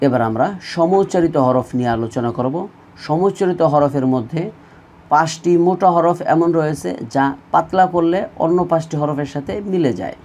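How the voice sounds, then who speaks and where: A man's voice: fairly high pitch, fairly quick, a little mellow, a little hiss or hum. A man teaching an online Quran reading lesson, drilling letter sounds in pairs and having students repeat after him. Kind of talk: slow recorded online lesson.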